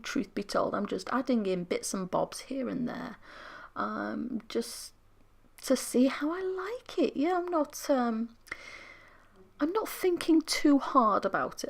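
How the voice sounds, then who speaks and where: Sick British woman, soft husky close-mic voiceover. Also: mid-range voice. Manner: soft, half-whispered, apologetic, rambling. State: unwell, losing her voice. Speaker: scrapbooking channel host. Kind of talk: casual voiceover narration. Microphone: very close to the microphone.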